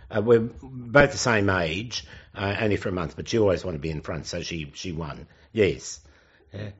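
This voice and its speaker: Halting, low-voiced elderly Australian man reminiscing. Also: breathy edge. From Sydney, Australia. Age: 70s. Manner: halting, with hesitant pauses and self-corrections. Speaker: oral history interviewee. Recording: dull, lo-fi interview recording.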